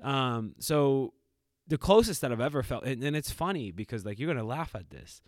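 In a relaxed podcast chat, this middle-aged co-host spins reflective, lively stories, frequently restarting sentences and leaning on fillers. He speaks at a normal speed in a medium pitch, captured at studio quality with no room sound.

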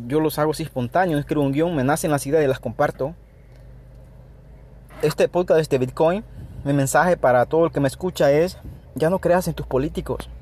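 A man's voice: a little high, darkish tone. A Salvadoran man hosting a solo podcast, talking in an earnest, opinionated way, with frequent restarts and "ok" check-ins. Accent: Salvadoran Spanish. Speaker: podcast host. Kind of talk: spontaneous solo podcast monologue.

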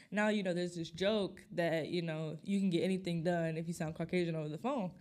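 A woman's voice: fairly low pitch, moderate pace, a crowd in the background. A woman in her twenties co-hosting a casual chat, telling stories with lots of laughs and fillers. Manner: animated storytelling, frequent laughter and fillers. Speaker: podcast co-host.

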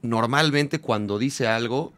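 A man's voice: mid-range voice, slow, a bit bright. A man with a Mexican accent co-hosting a casual interview, chatty and building long questions. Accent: Mexican Spanish. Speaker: co-host.

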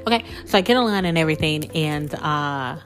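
A woman's voice: deep voice, animated, brisk, music in the background. A woman podcast host and spiritual coach, talking casually and candidly through personal stories, with lots of "like" and "you know".

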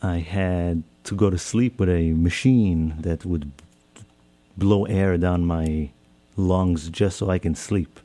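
An Israeli man in his thirties gives a reflective personal talk on self-care, often repeating and rephrasing what he says. His voice is low, slow, and mellow, with no room sound.

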